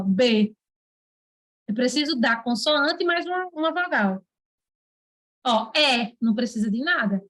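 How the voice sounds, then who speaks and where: A woman teacher with a Brazilian Portuguese accent explains letters and syllables during an online lesson, her voice sitting high and a bit bright. She patiently poses rhetorical questions and spells the sounds out slowly.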